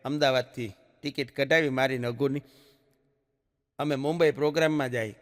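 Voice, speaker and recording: A man's voice: medium pitch, steady tone, normal speed, in a large hall. A man telling jokes on stage, a chatty storyteller who swings his voice up and down for punchlines. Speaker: stand-up comic. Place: live stage show. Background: audience laughter.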